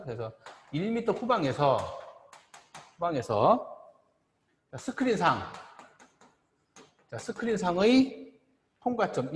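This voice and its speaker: Man, middle-aged, professor lecturing, halting and repetitive, fairly high voice, echoey lecture room. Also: a little hiss or hum. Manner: halting, repeats phrases, asks "그죠?" for agreement. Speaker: optometry professor. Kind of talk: lecture at a board. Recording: echoey classroom with long reverb.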